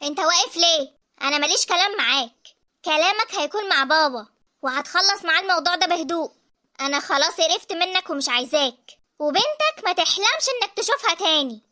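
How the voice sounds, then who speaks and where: Woman voicing a fiery young Egyptian wife in a cartoon drama, shrill and fast-talking. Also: expressive, heavily acted. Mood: angry. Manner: sharp and scolding. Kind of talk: animated drama dialogue.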